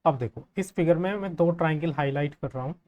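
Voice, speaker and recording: A male maths teacher with a voice on the high side, recorded lo-fi, gives a step-by-step geometry lesson. Friendly and conversational, he explains a proof while asking the class quick checking questions, often with "right?".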